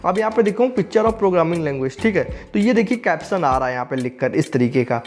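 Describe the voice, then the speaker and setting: A man's voice: on the high side, expressive, moderate pace, darkish tone, faint music behind. A young man explaining a coding tutorial step by step, often checking in with the viewer as he works on screen.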